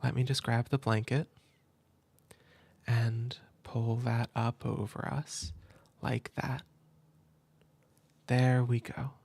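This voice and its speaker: Man, ASMR comfort roleplay; gentle half-whisper, slow and even, gravelly edge, dry close sound. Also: medium pitch. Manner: soft, tender, half-whispered. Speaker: ASMR creator.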